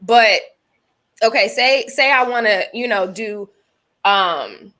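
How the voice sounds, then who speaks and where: A woman's voice: medium pitch, takes it slowly, pushed and bright. A woman in her thirties co-hosting a podcast, talking through her points with examples in a casual chat. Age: 30s. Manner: thoughtful, talks through examples. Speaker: podcast co-host.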